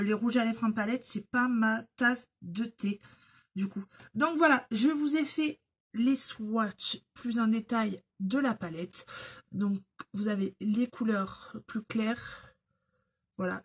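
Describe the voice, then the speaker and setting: Chatty woman, slightly husky. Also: fairly high pitch. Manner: chatty, many fillers and restarts. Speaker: beauty vlogger. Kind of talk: casual get-ready-with-me chat.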